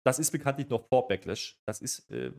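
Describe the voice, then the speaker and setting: A man's voice: mid-range voice, sing-song, brisk, vocal fry, darkish tone. Chatty man recapping wrestling. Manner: chatty recapper, acts out quotes. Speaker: wrestling podcast co-host. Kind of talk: casual review chat.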